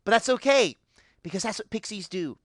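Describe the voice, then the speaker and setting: A tabletop game player voicing a gleeful, unhinged ancient pixie who became a god, cackling and swinging wildly between highs and lows. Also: lively intonation, brisk, dry recording, studio quality, lightly acted. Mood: manic glee.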